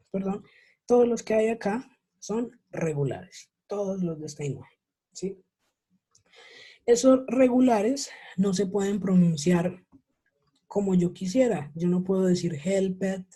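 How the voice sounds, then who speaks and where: A woman's voice: mid-range voice, warm tone, slightly rough, rough recording. A woman teaching an online English class in Spanish with a Colombian accent, explaining patiently and often checking in with her students. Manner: patient, explanatory, checks in with frequent tag questions.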